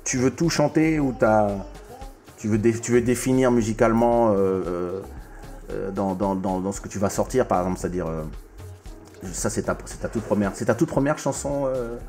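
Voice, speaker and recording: A man's voice: fairly low pitch, normal speed, mellow. A man born in the Congo hosting a casual music interview, talking with many restarts and repeated words. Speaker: host.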